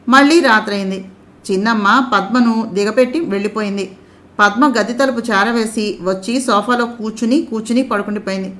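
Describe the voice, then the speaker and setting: A woman narrating an audio story in a calm, measured reading voice. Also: mid-range voice.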